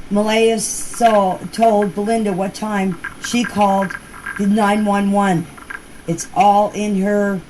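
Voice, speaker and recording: In a noisy voice message for a group chat, a woman with a medium-pitched, somewhat dark voice answers questions. She talks casually and emphatically, repeating herself to stress points and using colloquial, non-standard grammar.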